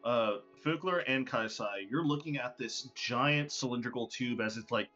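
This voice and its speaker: A man's voice: mid-range voice, moderate pace, pushed and bright, soft background music. A man narrating a tabletop game as game master, descriptive and full of "um" and "like". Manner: descriptive, hesitant with many fillers. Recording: lo-fi online voice call.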